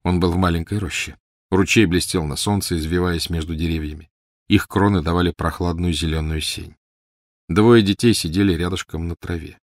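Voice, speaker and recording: A man reading a novel aloud in a calm, measured narration. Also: sits low, no room sound, studio quality. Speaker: audiobook narrator. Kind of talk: scripted narration.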